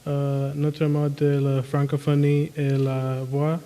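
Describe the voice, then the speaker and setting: A man's voice: a little high, monotone, slow, dark tone. A man, a student presenter, reading a prepared word presentation carefully. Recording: long hall reverb, faint noise.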